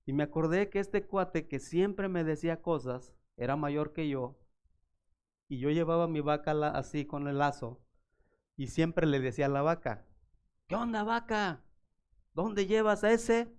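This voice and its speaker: A man's voice: on the high side, normal speed, clear, resonant tone. A male pastor, preaching a sermon through personal stories and acting out the voices of the people in them. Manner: animated storyteller acting out voices. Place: church.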